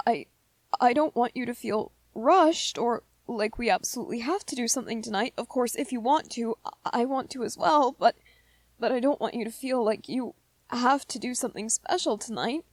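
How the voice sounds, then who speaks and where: Tender and unsure, the shy, lovestruck young male vampire of this romantic ASMR roleplay is voiced by a woman, gentle and hesitant, frequently stammering on repeated words. Her voice sits on the high side, with no echo.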